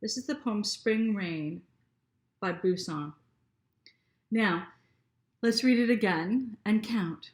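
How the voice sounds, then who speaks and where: A woman teacher giving a gentle lesson to children, asking them questions and reading aloud. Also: mid-range voice, slow pace, long pauses, reverberant.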